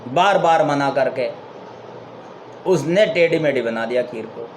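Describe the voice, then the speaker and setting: A man's voice: medium pitch, lively intonation, measured pace, slight background noise. A man giving a spiritual talk, telling a parable and explaining it with rhetorical questions. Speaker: spiritual speaker.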